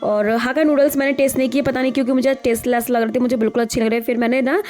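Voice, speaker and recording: A woman's voice: on the high side, fairly even intonation, very fast, a little mellow. A young woman vlogger, narrating her day in a chatty, rambling way with many fillers. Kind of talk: daily life vlog voice-over narration.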